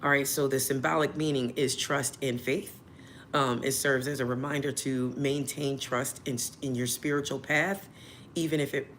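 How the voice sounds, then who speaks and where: A woman whose voice is still hoarse, hosting a tarot livestream in a chatty way and checking in with her listeners often. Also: very deep voice, a little hiss or hum. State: hoarse, recovering voice. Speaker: tarot reader and channel host.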